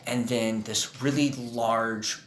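Low-voiced woman telling a rambling story. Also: takes it slowly. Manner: rambling, profane, animated storyteller. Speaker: podcast co-host. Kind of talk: casual storytelling chat. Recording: echoey room, faint background noise.

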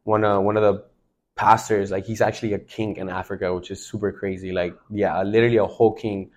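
Twenty-something guy from mexico, lowish voice, hyped up and emphatic, lots of slang fillers. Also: flat delivery, a little fast, a little mellow, dull audio. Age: 20s. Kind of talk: casual faith talk.

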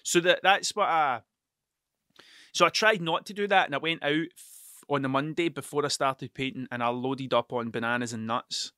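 Guy rambling on his podcast, swears a lot, trips over his words, bright tense voice. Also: medium pitch, normal speed, smooth, no room sound, studio quality. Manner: sweary, stuttering, restarts sentences. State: tired. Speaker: podcast host and mural painter. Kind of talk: rambling solo podcast monologue.

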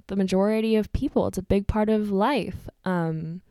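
A teenage girl co-hosting a casual political podcast, talking in a relaxed way with lots of fillers and trailing off softly. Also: medium pitch, moderate pace, clear, resonant tone, dry recording, studio quality. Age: teens. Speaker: podcast co-host.

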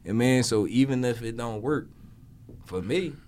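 A man in his thirties in a casual, slangy chat, musing at a relaxed pace as a podcast co-host. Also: mid-range voice, unhurried, slight background noise. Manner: laid-back, slangy, musing.

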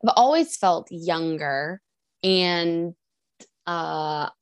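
A woman's voice: fairly low pitch, very slow, clear, resonant tone, no echo. A woman in her thirties co-hosting a podcast, chatting casually and laughing often. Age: 30s. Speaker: podcast co-host. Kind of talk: casual chat.

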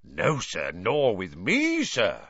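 A man's voice: lowish voice, wildly swooping pitch, a bit bright, husky, no room sound, dull audio, exaggerated voice. A man doing an oily, fawning shopkeeper. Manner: oily, slow and obsequious.

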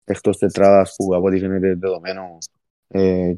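A man's voice: low voice, completely flat delivery, mellow, dry recording. A man with a Cypriot Greek accent, giving his opinions as a panellist in a casual football discussion.

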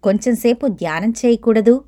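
A woman reading the lines of a gentle, wise old grandfather who calmly gives advice, in storybook narration. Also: fairly high pitch, moderate pace, lightly acted. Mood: gently advising. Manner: calm, advising.

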